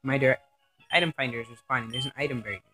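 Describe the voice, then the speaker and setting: Excitable man giving gameplay commentary. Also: mid-range voice, very fast, music in the background. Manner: excitable, rambling, swears often. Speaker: gaming commentator. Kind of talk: let's play commentary.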